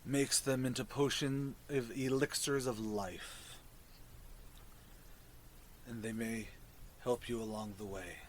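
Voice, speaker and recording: A man voicing a gentle, grateful mushroom creature leader in a tabletop game, speaking softly and courteously with a hushed, muffled, solemn delivery. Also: medium pitch, fairly even intonation, slow, long pauses, a little hiss or hum, voice pushed down, natural voice. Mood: kindly, solemn.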